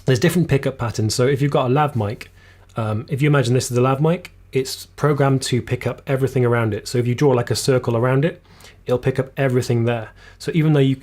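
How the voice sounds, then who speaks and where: A man hosting a live videography Q&A stream, explaining gear casually, slightly losing his voice, recorded on a boom shotgun mic in a small room. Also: fairly even intonation, fast talker, a little mellow. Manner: casual, explanatory, reads viewer comments aloud. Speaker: videography channel host. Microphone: shotgun boom mic just out of shot.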